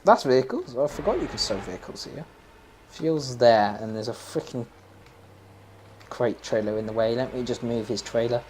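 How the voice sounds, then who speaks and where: A man's voice: medium pitch, expressive, normal speed, a little mellow, a little hiss or hum. A young man chatting casually while playing a game, rambling, opinionated and laughing often. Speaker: gaming streamer.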